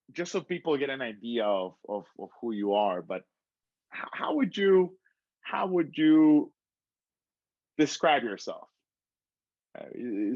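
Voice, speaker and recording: A man's voice: mid-range voice, no echo. A man hosting a casual interview, asking long, winding questions. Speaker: interviewer and show host. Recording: slightly dull, dry lo-fi sound.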